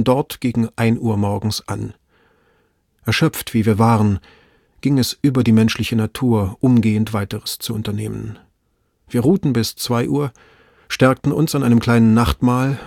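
Male storyteller for audiobook narration, measured delivery, raspy voice, dry recording. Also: mid-range voice, a little mellow, no echo. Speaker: audiobook reader. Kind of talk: scripted narration.

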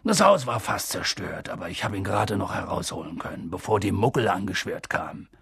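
A guy doing a big gruff softhearted giant, rough plain talk, gravelly, storybook. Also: low-pitched, animated, a little fast, no room sound, clean studio sound, pitched below the performer's own voice, full character voice. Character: huge gruff kindly male giant.

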